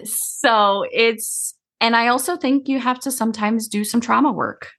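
A woman's voice: on the high side, measured pace, a bit bright. A woman grief counselor talking casually in an interview, explaining in long run-on sentences.

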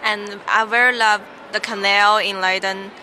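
A woman from China with a bright, clear voice. She answers in a halting but cheerful way and searches for her words. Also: mid-range voice, little pitch movement, slight background noise.

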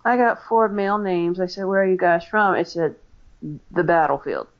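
A woman's voice: on the low side, expressive, normal speed. Chatty American woman, lo-fi audio. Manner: chatty, many fillers and restarts. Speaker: paranormal investigator guest. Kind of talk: casual interview storytelling.

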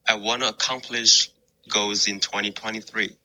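Brief: young man, lowish, monotone, bright tone. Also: moderate pace, slight background noise, poor audio. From China. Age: 20s. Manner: casual, with fillers. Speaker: listener.

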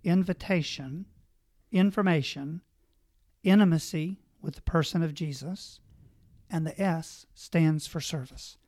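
Earnest priest giving advice. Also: male voice, fairly high pitch, unhurried, darkish tone, no echo, studio quality. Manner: earnest, exhortative, lists points. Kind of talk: conversational advice on a panel.

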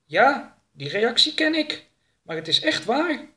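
Man voicing a high-pitched, guileless male alien for a storybook, literal-minded. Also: sing-song, takes it slowly, pushed and bright, full character voice. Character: odd naive male alien visitor. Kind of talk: audiobook character voice.

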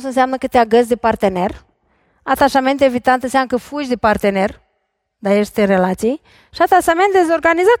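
A middle-aged woman, a couples therapist, talking on stage before an audience, lively and putting questions straight to the listeners. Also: sits high, dry recording, clean studio sound. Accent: Romanian. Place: large concert hall stage.

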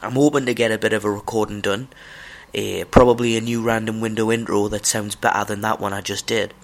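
A man's voice: fairly low pitch, level tone, fairly quick. A man with a broad Scottish accent hosting a podcast solo, rambling casually, with a sweary, self-deprecating manner. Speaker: podcast host.

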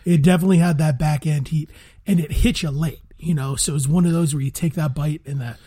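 A man co-hosting a casual food-review chat, relaxed and drawn out, saying "man" a lot. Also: fairly high pitch, quick pace, slightly rough. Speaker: podcast co-host.

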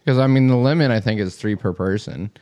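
A man's voice: on the low side, fairly quick. A man hosting a podcast, talking casually and telling stories with plenty of swearing. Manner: profane, animated storyteller. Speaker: podcast host. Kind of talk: casual chat. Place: lives in South Dakota.

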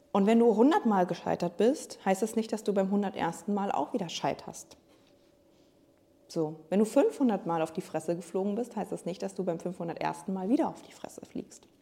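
Woman coach, solo podcast, motivational, slangy, warm mellow voice, mid pitch. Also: vocal fry. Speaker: weight-loss coach.

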